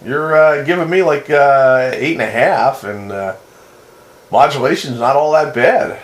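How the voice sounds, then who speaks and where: Hosting a CB roundup, a man talks with other radio hobbyists in a relaxed, approving, casual manner. His voice is mid-range and unhurried. The room echoes noticeably, with a little background noise.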